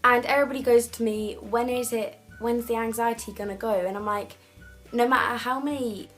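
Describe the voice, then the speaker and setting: A woman's voice: fairly high pitch, steady tone, a little fast, fairly bright tone, soft background music. A teenage woman recounting a personal experience in a vlog, rambling and candid with many fillers and restarts. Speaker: vlogger.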